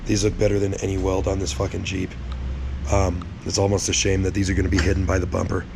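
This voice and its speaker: A man speaks in a raspy, worn-out voice, hoarse and low, with heavy fry. He explains hands-on work casually and bluntly, swearing freely. There is clear noise behind him. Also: monotone, quick pace. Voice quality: raspy, strained, gravelly voice. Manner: blunt, swearing, laid-back. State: hoarse, sick with little voice. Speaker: host of a truck build vlog.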